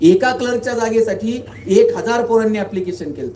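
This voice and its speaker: High-voiced man giving an echoey hall speech. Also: brisk, a little mellow. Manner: storytelling with rhetorical questions and humor. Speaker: guest speaker. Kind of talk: motivational public speech. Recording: echoey hall, voice from far off, faint noise.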